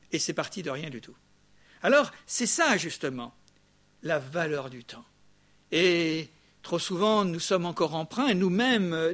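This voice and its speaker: An older man preaching a sermon in a lively, conversational way, often checking in with the congregation with quick asides. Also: high-pitched. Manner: lively, chatty preaching with frequent "hein?" asides. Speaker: pastor.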